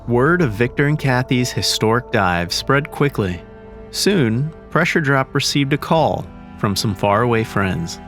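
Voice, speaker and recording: A man's voice: mid-range voice, expressive, measured pace, over music. A man reading scripted documentary narration.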